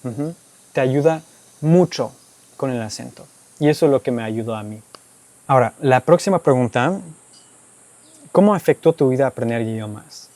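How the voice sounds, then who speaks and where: Warm-voiced man explaining in learned Spanish. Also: medium pitch, lively intonation, moderate pace, long pauses, no echo. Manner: explanatory, tags statements with "¿ok?" and "¿verdad?"; speaks Spanish as a learned second language. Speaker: YouTuber answering viewer questions. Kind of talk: casual Q&A monologue.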